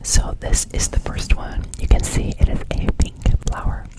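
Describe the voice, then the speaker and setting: In this ASMR ramble, the male creator and host keeps to a whisper throughout, slowly going back over the same words and phrases while his close microphone is brushed as he talks.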